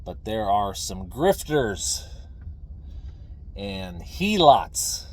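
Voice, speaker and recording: A middle-aged man talking casually and ramblingly to viewers, folksy and opinionated, halting and repeating phrases for emphasis. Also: on the low side, big pitch swings, breathy edge. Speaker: video creator, veteran pipe smoker. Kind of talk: casual rambling talk to camera.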